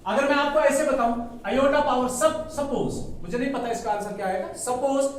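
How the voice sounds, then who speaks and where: A male teacher with a fairly high voice lectures a class, walking through each step and pausing to quiz his students. He slips English phrases in among his sentences. The sound is echoey and distant, as if taken from the back of a classroom, with faint noise behind. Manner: explains step by step, asks the class questions and has them answer. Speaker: maths teacher.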